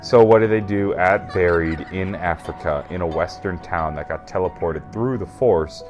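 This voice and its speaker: Over music, a very drunk man hosts a comedic retelling of a video game storyline, rambling, emphatic and profane, burping and often losing track before correcting himself. His voice sits low and his pace is moderate.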